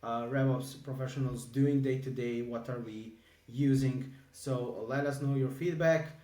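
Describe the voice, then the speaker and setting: Croatian-raised man co-hosting a podcast, halting speech full of fillers, echoey room, somewhat distant mic. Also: medium pitch, steady tone, a little mellow. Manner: halting, many filler ums and restarts. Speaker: podcast co-host. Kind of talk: casual podcast chat.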